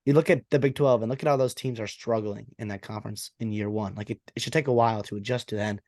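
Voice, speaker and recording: A man's voice: on the low side, fairly even intonation, quick pace, darkish tone, dry recording, studio quality. A man co-hosting a college football podcast, chatting casually and peppering his points with "like" and "right?". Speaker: podcast co-host. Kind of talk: casual sports chat.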